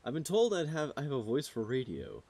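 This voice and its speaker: A man in his thirties chats casually with his viewers while streaming a game, rambling and using lots of fillers. His mellow, medium-pitched voice is fairly quick and swings hugely in pitch.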